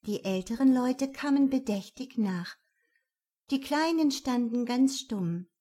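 A woman reading a fairy tale aloud in a measured, expressive way. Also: on the high side. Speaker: storyteller.

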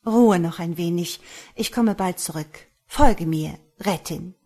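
A lustful, vengeful witch-like crone with a rough, husky, low voice, as a woman narrator puts her on. She purrs her demands in a seductive murmur and turns shrill and furious when crossed. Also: takes it slowly, warm tone. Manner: murmuring and seductive, turning to shrieks.

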